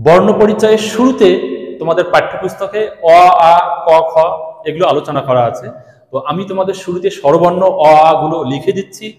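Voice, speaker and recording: A man teaching students, explaining patiently and repeating sounds slowly. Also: fairly high pitch, a little mellow. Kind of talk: classroom lesson to students. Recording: echoey room with long reverb.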